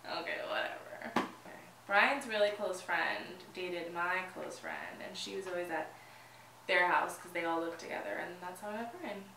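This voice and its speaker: A woman's voice: on the low side, expressive, moderate pace. A woman in her twenties co-hosting a casual couples vlog, teasing her partner and laughing at him. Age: 20s. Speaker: vlog co-host. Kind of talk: casual chat. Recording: echoey room, mic at a distance, faint noise.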